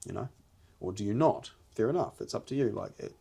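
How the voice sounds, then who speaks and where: A man's voice: fairly low pitch, animated, fairly quick, vocal fry, warm tone, slightly rough. A man with a broad New Zealand accent chatting casually and earnestly on a podcast, rambling a little and using plenty of slang. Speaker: podcast host.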